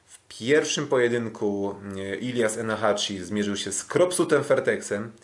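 A Polish man with a fairly low voice co-hosts a podcast as a kickboxing commentator, casually recapping fights. He's animated and moderately paced, but hesitates often, drawing out fillers and restarting phrases.

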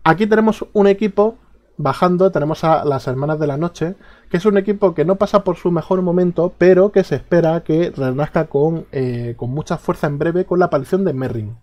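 A man with a Spain Spanish accent giving a casual explanatory guide to game teams, relaxed and hesitant, with frequent filler sounds. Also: on the high side, fairly quick. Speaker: mobile game guide creator.

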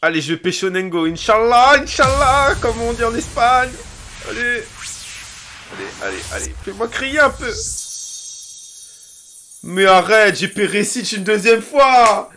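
A young man streaming a football video game, commenting on pack openings in a casual, excitable way, chanting and shouting when cards are revealed. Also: high voice, unhurried, pauses often, slight background noise. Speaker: gaming streamer.

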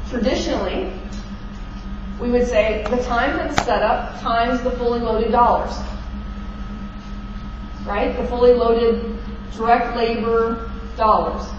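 Woman lecturing in an echoey hall. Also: fairly high pitch. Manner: direct, quizzes the audience with questions. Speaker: keynote speaker. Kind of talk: conference keynote lecture. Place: large dark conference hall stage. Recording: echoey hall recorded from far off, dull and noisy.

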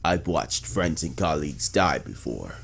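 A man voicing a weary, grieving male detective, reading a journal in slow, hushed noir narration. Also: rumbling low, sing-song, creaky, pitched below the performer's own voice, exaggerated voice. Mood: somber.

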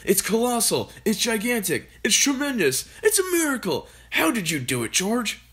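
A reader voicing a small, excitable farmer father who gets worked up and shouts his words. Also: medium pitch, fast. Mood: frantic amazed. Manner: exclaiming, frantic.

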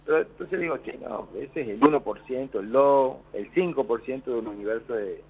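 An Argentine union leader phones in to a radio show, his mid-range voice brisk, gravelly and a little rough. He rambles in Argentine Spanish and keeps restarting his sentences. The call comes through a telephone, so the line sounds tinny.

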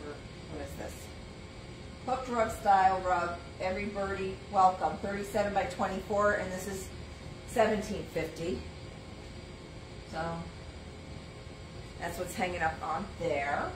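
A middle-aged woman chats through a live antiques sale from a shop booth, reading out each item's size and price in a casual pitch. Medium in pitch, she speaks at a measured pace with long pauses. She moves around in frame of a phone or camera on a stand, and the shop sounds roomy, with background noise.

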